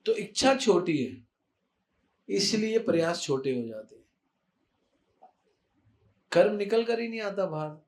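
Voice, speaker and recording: A high-voiced man gives an emphatic devotional talk. He repeats his key words for weight and drops English phrases in as he goes. The room around him rings with echo. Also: big pitch swings, a little slow, pauses often. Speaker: spiritual speaker.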